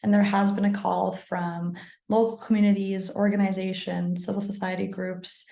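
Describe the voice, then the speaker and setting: A woman's voice: medium pitch, level tone, moderate pace, vocal fry, mellow, reverberant. A woman panelist presenting recommendations in an earnest way with frequent ums, while losing her voice.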